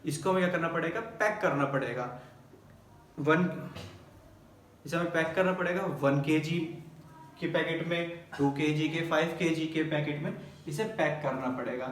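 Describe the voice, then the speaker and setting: A man's voice: fairly high pitch, moderate pace, far from the mic, a little hiss or hum. A male teacher explaining accounting terms in a lesson at a board, often putting a question to the class and answering it himself. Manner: asks and answers his own questions; mixes English terms into Hindi. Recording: echoey room, voice from off mic.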